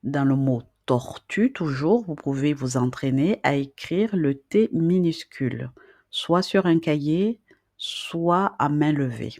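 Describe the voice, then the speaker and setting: A woman's voice: low voice, expressive, slow, darkish tone, no echo, clean studio sound. A woman teaching beginners to read and write, speaking patiently, repeating each question and checking in with the listener. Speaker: reading and writing teacher. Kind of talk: slow, patient lesson.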